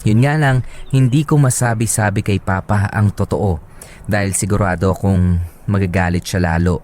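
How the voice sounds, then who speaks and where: A man from the Philippines with a Filipino accent works as a radio host and storyteller, moving between dramatic story narration and casual radio banter. His voice is fairly low and a little mellow.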